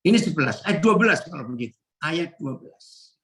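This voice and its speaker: A male pastor preaching to a prayer group, reading verses aloud, directing helpers to the slides, and jumping up in pitch for emphasis. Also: lively intonation, a little fast, a bit bright, low-quality recording. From Indonesia. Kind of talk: sermon.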